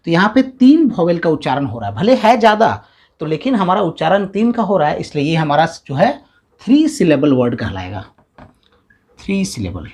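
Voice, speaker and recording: A man gives a step-by-step video grammar lesson. His pitch swings widely as he talks, and he drags out syllables to sound them out. He often checks in with his listeners. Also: sing-song, moderate pace, darkish tone, husky. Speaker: English grammar teacher. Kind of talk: classroom-style video lesson.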